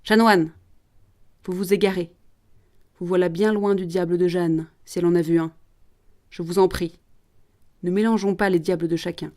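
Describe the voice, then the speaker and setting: A woman voicing a stern, measured older male bishop who speaks slowly and calmly in a read-aloud play. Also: mid-range voice, natural voice. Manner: slow and measured, calming.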